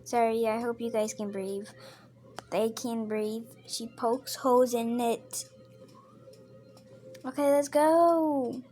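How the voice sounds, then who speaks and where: A woman's voice: on the high side, steady tone, slow, pauses often, warm tone, faint music behind. A woman playing a mother in a casual game role-play, chatting and stopping to narrate what her character does.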